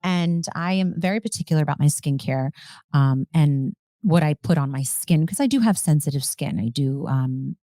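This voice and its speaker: A woman's voice: low voice, normal speed, dark tone, no echo, clean studio sound. Chatty upbeat woman podcast host. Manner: chatty, upbeat, enthusiastic product plugs. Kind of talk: casual chat.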